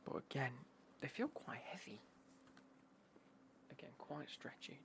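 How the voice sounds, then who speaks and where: Whispering British man with heavy creak. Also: big pitch swings, unhurried. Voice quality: breathy, hushed whisper with creaky low murmur. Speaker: ASMR vlogger showing golf clothing. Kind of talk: whispered ASMR unboxing, casual chat.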